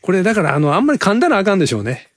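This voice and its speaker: A man with a Kansai accent hosting a casual tech chat, chatty and quick to laugh. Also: high voice. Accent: Kansai Japanese. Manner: lively, chatty, laughs often. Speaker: podcast host.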